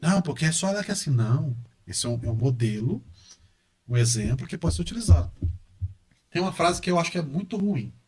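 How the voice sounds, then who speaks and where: A middle-aged man with a Brazilian Portuguese accent speaks as a professor guest on a casual podcast. His voice sits slightly high for a man. He talks with animation and repeats words to stress a point. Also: very animated, fast, a little mellow. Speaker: guest, university professor and engineer.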